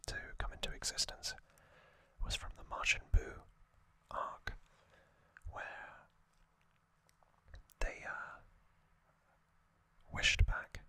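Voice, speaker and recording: Speaking in a slow, breathy ASMR whisper, a man lingers over each phrase. His sound is soft but very bright and sibilant as he casually explains trivia, guiding the listener like a host.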